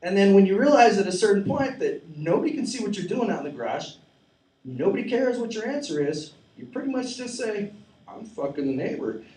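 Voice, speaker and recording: A man in his forties rambles through a profane, self-mocking open-mic stand-up set in a small cafe. His voice sits high for a man, and it comes through in an echoey room with the mic set well away from him. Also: very animated, fairly quick, darkish tone, recorded from a distance. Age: 40s. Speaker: stand-up comedian.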